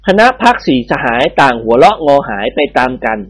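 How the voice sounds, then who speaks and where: An audiobook narrator reading a humorous story in an expressive, lively way. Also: mid-range voice, fairly quick, husky.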